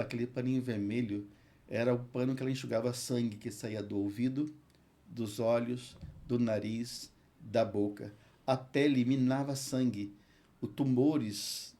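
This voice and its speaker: A man with a Brazilian Portuguese accent, a hospital chaplain and pastor, tells an earnest testimony in an interview and recites scripture slowly. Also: medium pitch, warm tone. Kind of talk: emotional testimony in a podcast interview.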